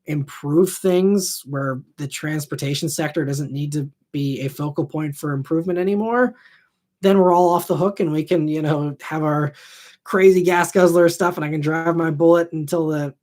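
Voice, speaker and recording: Fielding questions from viewers on his live stream, this thirties-aged host rambles casually and leans hard on "you know" and "I mean." His pitch is on the high side, with a somewhat dark tone, at a normal speed.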